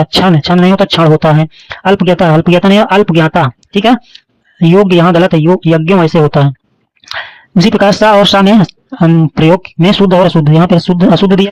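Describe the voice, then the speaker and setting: A man's voice: sits high, darkish tone, dry recording, low-quality recording. A man teaching a Hindi grammar lesson, repeating each word and often checking that students understand. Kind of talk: online lesson explaining spelling mistakes.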